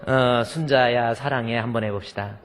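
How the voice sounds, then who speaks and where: A man's voice: mid-range voice, fairly even intonation, moderate pace. A male pastor preaching a sermon in a church, folksy and joking with the congregation. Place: church sanctuary. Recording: long hall reverb.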